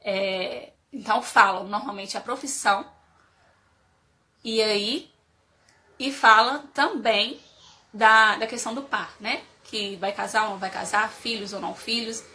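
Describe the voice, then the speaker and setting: A woman with a nasal, cold-affected voice talks informally and live about life stages, posing many rhetorical questions. She's mid-range, with fairly even intonation, a measured pace, and a bright, forceful tone.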